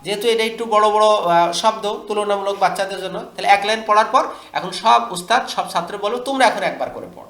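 A man teaching how to read the Quran primer, who spells out the letters slowly and loudly and then explains them quickly to other teachers. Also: high-pitched, reverberant.

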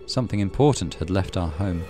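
With a deep, warm voice, a gaming channel host reads a horror visual novel aloud for a let's play, telling the story dramatically and muttering asides. His delivery is animated and brisk, with faint music in the background.

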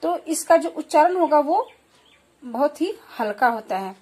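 A woman giving a slow, clear children's lesson, explaining and repeating example words. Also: high voice, expressive, mellow. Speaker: primary school teacher.

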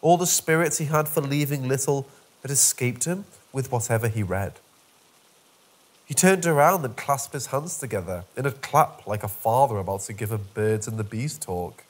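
A man narrating a scripted first-person horror story with wry, dark humour. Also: mid-range voice, animated, moderate pace.

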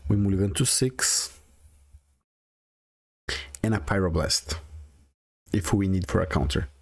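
Low, unhurried, with vocal fry and a breathy edge, this man's voice is recorded dry at studio quality. He's a gaming video creator in his forties, strongly accented in Brazilian Portuguese, chatting and musing aloud as he comments on his own card game.

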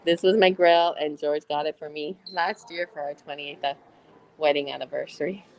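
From inside a retail shop, a woman in her fifties hosts a chatty live shopping stream, gushing, excitable, and laughing often as she greets viewers by name. Her voice is low-pitched at a normal speed, and the recording quality is poor.

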